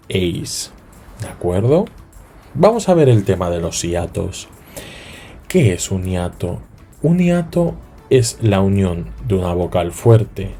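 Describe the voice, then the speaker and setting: A man's voice: on the low side, dark tone. A man teaching a lesson, spelling points out and often checking in with rising questions. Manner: repeats and spells out points slowly. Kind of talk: explanatory lesson.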